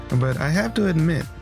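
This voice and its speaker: A man's voice: fairly high pitch, vocal fry. A man giving joking, casual reaction commentary as an online video host. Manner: joking, wisecracking.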